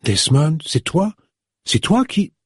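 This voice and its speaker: Audiobook casting: a man playing a young woman, eager and emotional, raised husky voice, close dry sound. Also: fairly high pitch, sing-song, slow pace, no room sound, pitched above the performer's own voice, exaggerated voice. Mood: overjoyed.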